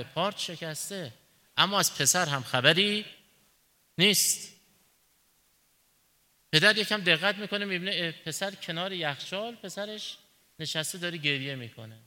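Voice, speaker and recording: Male preacher, sermon, rather high voice, sharp bright tone, quizzes the crowd then answers himself. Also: long reverb tail. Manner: poses rhetorical questions and answers them himself; tells illustrative stories in everyday speech.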